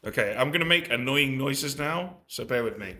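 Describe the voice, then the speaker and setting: A man's voice: medium pitch, bright, forceful tone. A man chatting casually on a live stream through the built-in mic of a handheld gaming device, his level pumping up and down from uneven auto gain. He talks frankly and jokes, swearing often. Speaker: game player on a live stream. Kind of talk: casual chat.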